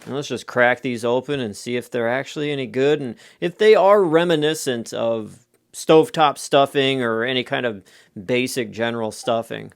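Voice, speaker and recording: A man's voice: mid-range voice, moderate pace, creaky. An American man chatting casually through a food review in a rambling, offhand, conversational way. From United States. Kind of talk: casual off-the-cuff review chat.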